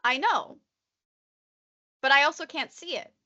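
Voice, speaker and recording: On a lo-fi recording, a podcast co-host in her twenties speaks a little slowly in a high-sitting voice that's pushed and bright. She chats casually, rambling and nervous, saying "like" constantly.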